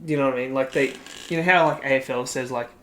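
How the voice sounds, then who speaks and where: A man's voice: mid-range voice, steady tone, fast talker, fairly bright tone, slight background noise. Australian guy, mid-range voice, loose rambling sports-podcast banter with lots of laughs. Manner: rambling, laughs often, heavy use of "like". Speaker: podcast co-host. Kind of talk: casual sports chat.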